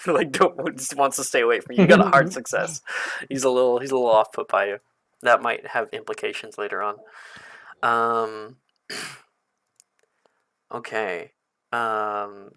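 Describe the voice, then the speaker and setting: Slow, rambling male game master. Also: mid-range voice, bright, forceful tone. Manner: loose, hesitant narration full of ums and likes. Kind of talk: narrating a tabletop horror game.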